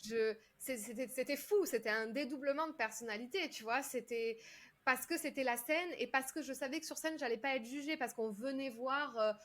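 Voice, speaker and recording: Brief: woman from France, guest storyteller, fairly high voice, lively and chatty with fillers and restarts. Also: moderate pace. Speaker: guest, public speaking coach. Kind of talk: casual interview storytelling.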